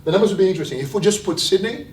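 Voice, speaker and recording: A man giving a motivational seminar talk in an animated, rhetorical way, repeating phrases for emphasis and acting out imagined quotes. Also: high-pitched, very fast. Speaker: speaker giving a wealth seminar. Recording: echoey room, distant mic, faint noise.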